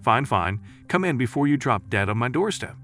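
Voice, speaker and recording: A man's voice: mid-range voice, big pitch swings, moderate pace, a bit bright, soft background music. A man voicing a flustered young man who takes in an alien and can hardly believe it, speaking incredulously.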